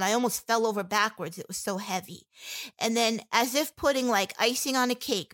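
A woman with a somewhat raised voice gives personal testimony in an interview. She speaks candidly and haltingly, often stopping to restart a sentence. Fillers fall all through her speech. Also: a little high, fairly bright tone.

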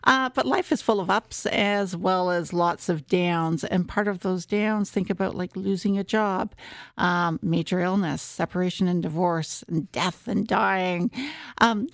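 A woman, a guest expert on tax and retirement, explaining in a radio interview in a measured way, listing points step by step. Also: lowish voice, vocal fry, no room sound, studio quality. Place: radio studio.

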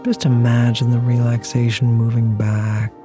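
A meditation host guiding a relaxation hypnosis in a soothing, deliberate way with long pauses. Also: mid-range voice, completely flat delivery. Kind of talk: slow guided relaxation hypnosis narration. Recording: music playing behind the voice. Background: music.

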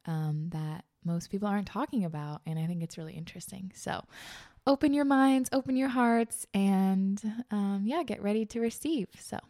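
A bubbly woman in her twenties hosts a casual podcast chat, gushing away with plenty of laughter and filler words. Her voice sits fairly low and has a dark tone.

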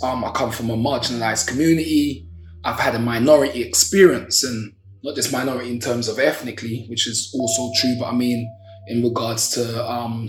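Man, South London accent, reflective personal storytelling, deliberate wording, echoey room, music behind. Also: medium pitch. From Brixton, South London. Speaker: social entrepreneur, activist and poet telling their story. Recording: roomy echo, music underneath.

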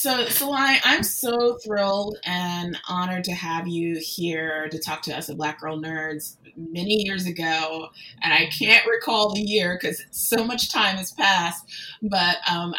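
A woman's voice: lowish voice, bright, forceful tone, low-quality recording. A woman co-host asking long, enthusiastic questions in a podcast interview. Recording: faint background noise.

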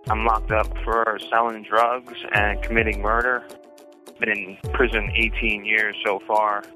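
A man's voice: lowish voice, level tone, unhurried, bright, forceful tone, faint music behind. A man calling in on a prison payphone, giving a casual spoken update in a rambling way, full of "you know" and "like". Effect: payphone call from prison. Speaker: incarcerated writer calling in. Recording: tinny dry phone line.

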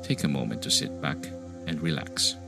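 A male meditation podcast host and guide speaks in a very low, gravelly voice, unhurried and calming like a sleep story. He gives gentle instructions while music plays behind him.

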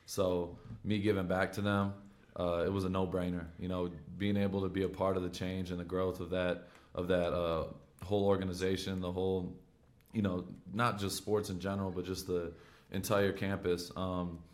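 A man's voice: sits low, flat delivery, normal speed, darkish tone. A man from Michigan with an American accent, chatting casually on a podcast in slangy, profane frat-bro talk. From Michigan, USA. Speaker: pro football player on his own podcast.

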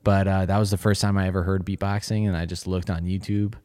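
A man in his twenties from Colorado, a guest on a studio podcast, chatting in an easygoing way and quick to laugh. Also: sits low, flat delivery, warm tone. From Colorado, USA. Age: 20s. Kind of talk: casual podcast chat.

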